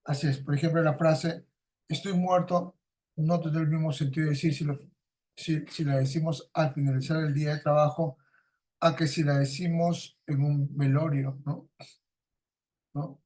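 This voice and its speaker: A man's voice: a little high, little pitch movement, moderate pace, darkish tone. Man lecturing with constant "no?" tags. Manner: tags nearly every sentence with a questioning "¿no?"; explains by repeating points and giving everyday examples. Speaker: teacher. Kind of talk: lecturing a class.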